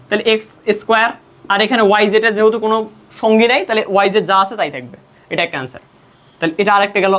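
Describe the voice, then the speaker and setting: A man's voice: sits high, fairly bright tone. A young man with a Bangladeshi Bengali accent teaching an online math lesson, explaining step by step and answering his own questions. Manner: mixes English math terms into Bengali speech. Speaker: math tutor.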